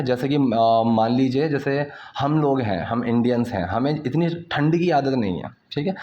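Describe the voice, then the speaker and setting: A man with an Indian accent gives a casual English lesson. He often stops to check "ठीक है?" and says English phrases very slowly. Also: mid-range voice, lo-fi sound, slight background noise. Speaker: English teacher.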